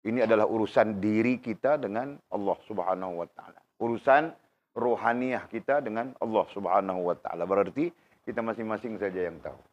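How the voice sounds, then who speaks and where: A man leads an informal religious class, his voice sitting a little low. He talks to the room and asks students questions by name, and he sounds unwell. The recording is dull and lo-fi. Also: a little fast. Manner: conversational, questions students by name, frequent tag questions. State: unwell, in pain while talking. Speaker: religious teacher.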